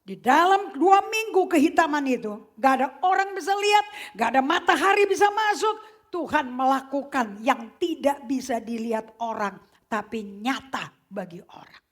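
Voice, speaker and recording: A woman preaching a sermon in a casual, slangy way, mixing in English phrases and swinging from loud shouts to hushed whispers. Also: high-pitched, lively intonation, normal speed. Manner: mixes English phrases into her speech; casual slangy emphatic delivery.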